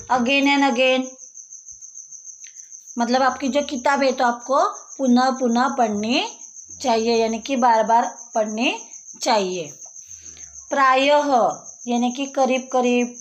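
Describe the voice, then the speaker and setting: A woman teacher giving a patient lesson for young children, explaining and repeating each word and sound. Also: fairly high pitch. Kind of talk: slow classroom lesson explaining a textbook page.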